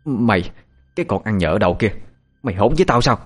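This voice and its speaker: A man's voice: lively intonation, brisk, slightly rough, soft background music. A man voicing a vicious old witch stepmother who snarls and curses shrilly. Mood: furious. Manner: shrill, spiteful cursing.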